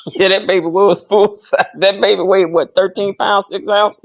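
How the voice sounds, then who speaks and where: Chatting casually on a gossip show, a woman co-host teases with a sing-song lilt in a medium-pitched voice, fairly even in intonation and moderate in speed. The recording is dry and echo-free, though dull and lo-fi.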